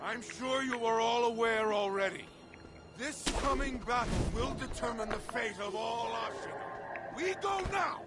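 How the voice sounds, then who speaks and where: A man's voice: extremely high pitch, lively intonation, unhurried, very noisy, exaggerated voice. An actor playing a commanding male warrior rallying his troops with a stern battle cry, from a video game. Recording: game audio under loud ambience.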